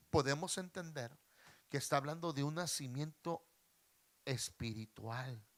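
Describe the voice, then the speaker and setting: A man from Mexico preaching a sermon to his congregation, swinging between loud emphatic bursts and quiet asides. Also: fairly high pitch, dry recording. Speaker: pastor.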